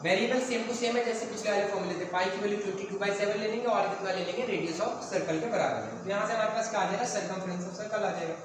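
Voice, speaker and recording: A man's voice: high-pitched, quick pace, few pauses. Male math teacher, classroom lecture, raised voice, far mic in a very echoey room with faint noise. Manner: asks the class questions and answers them himself; mixes English math terms into Hindi. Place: classroom with a board.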